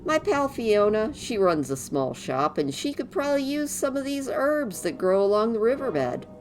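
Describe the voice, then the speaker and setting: A woman's voice: a little high, sing-song, moderate pace, voice pushed up, rough recording. A woman voicing a jaunty, blustering little male dwarf adventurer in a theatrical, folksy game-quest manner. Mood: chipper, apologetic. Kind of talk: reading game quest dialogue in character.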